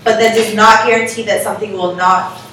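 A chatty, emphatic woman talks shop as an event planner, laughing easily. Her voice sits at an ordinary pitch. It rings around a very echoey room from a mic set some way off, with faint noise underneath. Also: steady tone, a little fast, a bit bright, recorded from a distance. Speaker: event planner, podcast co-host. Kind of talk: casual chat.

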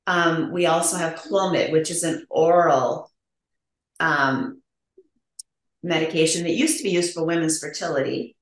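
A woman's voice: low voice, fairly bright tone. A woman clinician explaining testosterone treatment options plainly in a podcast interview, with a practical manner. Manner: explanatory, practical, quick to laugh. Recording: roomy echo.

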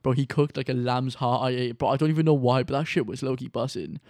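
Fast-talking young man from Wales. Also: mid-range voice, darkish tone, no room sound. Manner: slangy, profane, rambling. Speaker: podcast guest. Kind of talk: casual chat.

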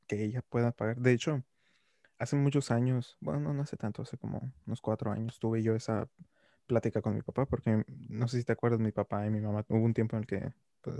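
A young man on a podcast, calmly explaining his views in casual conversation. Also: on the low side, creaky, no room sound, clean studio sound. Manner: calm, reflective explaining. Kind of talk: casual chat.

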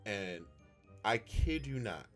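A man with a fairly low voice tells a story in a relaxed podcast chat. He talks earnestly and often restarts his sentences. Faint music plays underneath. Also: slow. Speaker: podcast co-host. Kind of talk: casual chat.

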